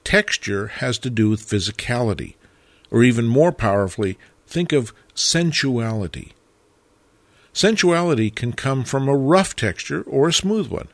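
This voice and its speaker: A man narrating a photography lesson in a measured, reflective way, stressing key words. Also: medium pitch, dry recording. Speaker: photography teacher. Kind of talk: scripted narration.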